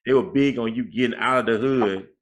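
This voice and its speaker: A man's voice: medium pitch, fairly quick. A man in a casual podcast conversation, talking preachily and giving life advice, repeating "man" often.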